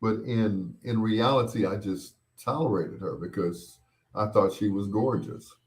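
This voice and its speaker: A middle-aged man with a voice on the low side hosts a bedtime stories show, casually reminiscing and responding to what listeners have said. He meanders slowly, pausing a lot and going over the same words again.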